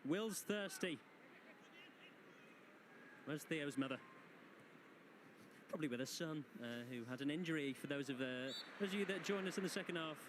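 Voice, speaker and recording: Man, fairly high voice, comedic football commentator, punning quips, clearly noisy outdoor backdrop. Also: moderate pace, pauses often. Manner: joking, quipping with puns. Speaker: match commentator. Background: clear outdoor ambient noise.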